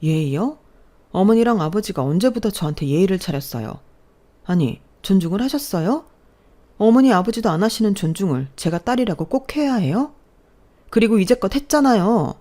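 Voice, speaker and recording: A woman's voice: on the low side, sing-song, moderate pace, warm tone, voice pushed up. A woman voicing a resentful grown daughter arguing heatedly with her parents. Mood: defiant. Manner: defiant, heated.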